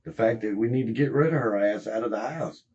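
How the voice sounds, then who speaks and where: A middle-aged man, a suspect in a police interrogation, rambles and swears as he recounts events in an agitated way. His voice is fairly low, brisk, a little mellow and husky, and the interrogation room recording sounds muffled.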